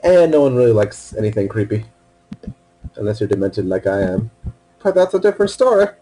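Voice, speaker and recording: Male let's-play gamer, husky voice with a lively, swooping pitch, casual self-talk, cusses freely and yelps at surprises. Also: fairly quick, poor audio. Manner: swearing, talking to himself, sudden excited outbursts. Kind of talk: casual game commentary. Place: alone in a room at a computer. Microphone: wearing headphones.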